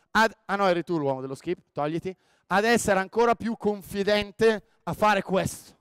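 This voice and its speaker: A man running a basketball coaching clinic on the court, directing players with quick commands and frequent "ok?". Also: high-pitched, smooth, no room sound. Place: indoor sports hall.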